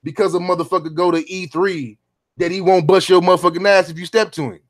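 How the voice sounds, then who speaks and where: A man's voice: high-pitched, fairly even intonation, fast. A middle-aged man hosting a casual round table chat, talking in laid-back, profane street slang. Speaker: podcast host.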